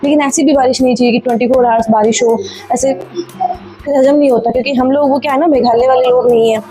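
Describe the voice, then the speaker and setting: A woman's voice: high-pitched, fairly even intonation, quick pace, dark tone, rough recording. A young woman from Rajasthan, chatting casually to viewers at home in a daily-life vlog. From Rajasthan, India. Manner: chatty, rambling, talks straight to viewers. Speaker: vlogger and mother. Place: at home, indoors.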